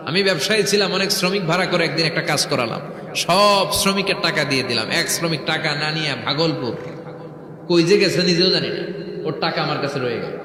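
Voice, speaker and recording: A man delivers a dramatic storytelling sermon, acting out dialogue, repeating phrases and urging listeners to respond. His voice is a little high, fairly quick and sharp, echoing through a hall with long reverb.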